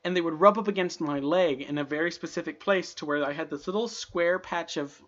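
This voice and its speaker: A man's voice: fairly high pitch, a little fast. A man in his twenties co-hosting a casual podcast chat, rambling and acting out quoted dialogue as he tells stories. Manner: rambling, animated, acts out dialogue. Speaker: podcast co-host. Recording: slightly muffled lo-fi recording.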